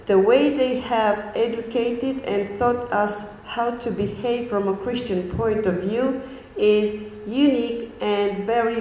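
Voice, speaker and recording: A young woman tells her faith story in English, earnest and careful, pausing on fillers. Her voice sits a little high and moves slowly. The sound rings with echo and a long hall reverb. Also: a little mellow, a little hiss or hum. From Romania. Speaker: speaker giving a testimony. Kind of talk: personal faith testimony.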